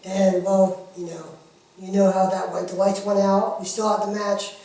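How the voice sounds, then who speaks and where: A man who works in independent wrestling is interviewed, chatting casually to promote a wrestling show, talkative and informal, with frequent fillers and lots of "you know". His voice sits high with little pitch movement, at a moderate pace and warm in tone. The mic is distant in a very echoey room.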